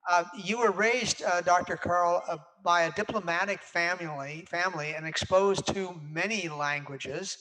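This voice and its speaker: Older male host, hesitant delivery full of uhs, bright forceful tone. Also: sits high, moderate pace, few pauses, poor audio. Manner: hesitant, many filler uhs. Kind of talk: hosted conversation.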